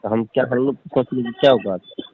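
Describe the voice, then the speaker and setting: A man heard over a phone line, a religious scholar who answers in a measured, questioning way. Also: medium pitch. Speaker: religious scholar being called. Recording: tinny phone line, dry.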